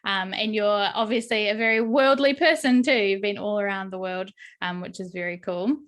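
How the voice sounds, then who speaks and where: A young adult woman with an Australian accent, a podcast host and brand coach, conducts an interview in an upbeat, chatty manner, often saying "um" and "like." Her voice is medium-pitched, a bit bright, and moderately paced.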